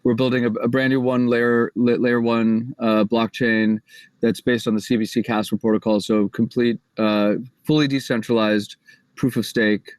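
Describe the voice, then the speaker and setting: A man's voice: medium pitch, flat delivery, moderate pace, a little mellow, clean tone, dry recording. A man on a panel speaks from his backyard office. He talks casually and rambles, with many fillers.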